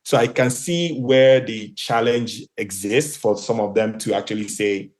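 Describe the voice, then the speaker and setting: A Nigerian man whose first language is Igbo answers a question as a guest on a podcast; he co-founded a marketplace and serves as its CEO. His medium-pitched voice is unhurried with fairly even intonation, and he speaks thoughtfully, full of fillers and restarts.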